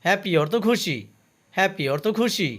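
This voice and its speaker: A man's voice: sits high, fairly bright tone. A man teaching English vocabulary, saying each word and its meaning twice and stopping to explain the pronunciation. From Bangladesh. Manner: slow, careful drill with pronunciation notes.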